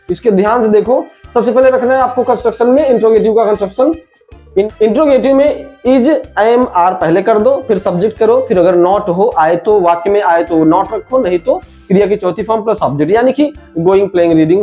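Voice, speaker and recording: A man's voice: sits high, darkish tone. A man teaching an online English grammar lesson, repeating each rule and calling the listener his friend. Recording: dull lo-fi sound with faint music.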